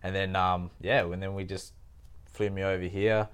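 A man from Thailand, a podcast guest telling his life story in casual conversation, halting and full of fillers. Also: low voice, level tone, clean tone.

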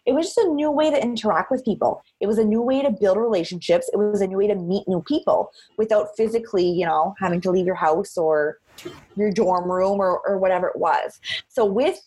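An outgoing woman chats in an interview. Her voice has a husky edge, and she leans on repeated phrases to press her points. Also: medium pitch, a little fast, mellow, low-quality recording. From Cape Breton, Canada. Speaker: interview guest, social media marketer. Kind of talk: conversational interview.

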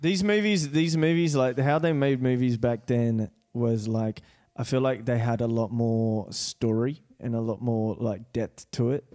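A man's voice: mid-range voice, fairly even intonation, a little slow, few pauses, warm tone. A man hosting a casual film chat, slangy and sweary, often repeating his words. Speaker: podcast host.

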